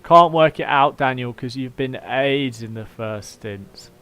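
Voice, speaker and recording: A man's voice: medium pitch, measured pace, fairly bright tone. A man with a British accent in informal, matey livestream chat, giving race updates like a team engineer. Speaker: livestream host and sim racing team engineer.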